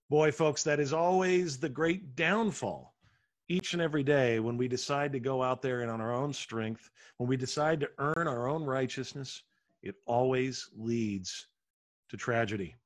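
A pastor giving an earnest sermon, drawing out key words slowly and letting phrases fall to a hush. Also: male voice, mid-range voice. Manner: earnest preaching with slow, drawn-out emphasis and soft hushed endings.

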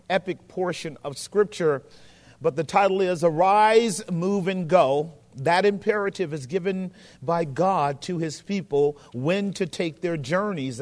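A man preaching a Sunday sermon like in a cathedral, emphatic and deliberate, checking in with his listeners through rhetorical questions. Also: sits high. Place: large reverberant indoor hall, preaching to congregation. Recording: long echoing reverb of large hall.

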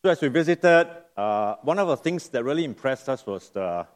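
This sermon comes from a middle-aged man from Singapore preaching as a guest, nasal from a lingering cough. His mid-range voice is expressive, and his friendly, unhurried delivery is broken by frequent pauses to rephrase.

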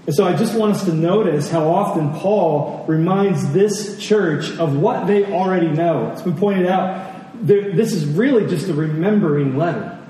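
A pastor preaches during a church service, his voice high-pitched yet mellow, deliberately repeating key phrases and punctuating points with questions. The large, reverberant room makes everything sound very echoey, as if heard across a big hall, captured by a distant mic with faint noise.

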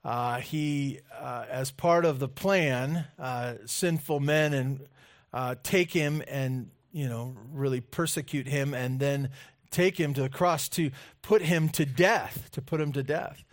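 A man's voice: medium pitch, slow pace. A man preaching a sermon into a pulpit microphone in a church, speaking earnestly and reading scripture aloud. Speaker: pastor. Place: church sanctuary.

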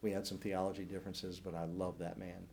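A man's voice: sits low, level tone, a little fast, gravelly, darkish tone, slight background noise. A man in his sixties from the St. Louis area, telling his personal faith testimony to a church class in an earnest, reflective way. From St. Louis area, United States. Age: 60s.

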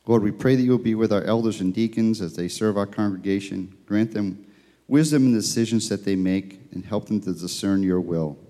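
A man, a church elder, leading a spoken prayer in a steady, reverent way, his voice ringing with a long cathedral-like echo. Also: on the low side, fairly quick. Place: church sanctuary.

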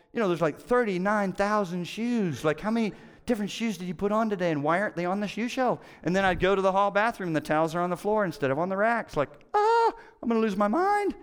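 Brief: middle-aged man, pastor, conversational sermon, animated storyteller, slightly high voice with a wide swinging pitch. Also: smooth. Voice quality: hard of hearing. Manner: animated storytelling, acts out quotes with big pitch jumps.

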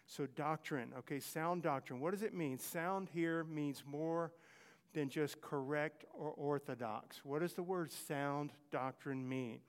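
A man's voice: a little high, measured pace, clear, resonant tone, in a large hall. A man, preaching a conversational sermon as pastor, repeating phrases for emphasis. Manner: earnest, repetitive, conversational preaching. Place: church sanctuary.

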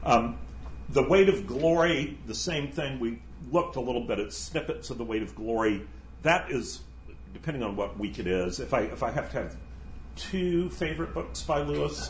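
A man giving an informal lecture in an animated, digressive way, often laughing at his own asides. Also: medium pitch, a little hiss or hum. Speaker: teacher. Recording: roomy echo with faint ambience.

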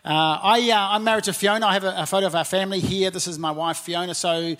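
A New Zealand pastor in his forties delivers a chatty sermon from the stage of a church auditorium. His voice sits a little high for a man and holds a steady tone. He preaches warmly, talking to the congregation as if in conversation, with frequent easy "and, uh" fillers.

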